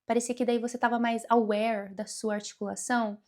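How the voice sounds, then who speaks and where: A young woman giving a casual English lesson, speaking slowly and deliberately and mixing English words into her speech. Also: a little high, flat delivery, a little mellow. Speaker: English teacher.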